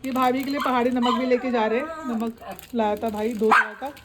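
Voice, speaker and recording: High-pitched doting woman vlogger. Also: steady tone, fairly quick, heavy background noise. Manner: doting, coos baby talk to her dog. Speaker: pet vlogger. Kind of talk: casual home vlog.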